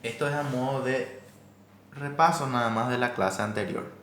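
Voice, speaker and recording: A man teaching a language class, explaining slowly and carefully and repeating each example. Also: mid-range voice, fairly bright tone, roomy sound. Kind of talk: recorded class lesson.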